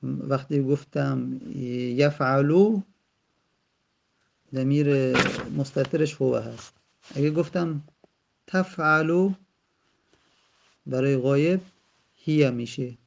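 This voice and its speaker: A man teaches grammar patiently, rephrasing each point and talking straight to his student. His voice is dark and gravelly. The recording sounds dull and lo-fi. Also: medium pitch, steady tone. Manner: patient, repeats and rephrases terms, addresses the student directly. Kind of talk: explanatory lesson.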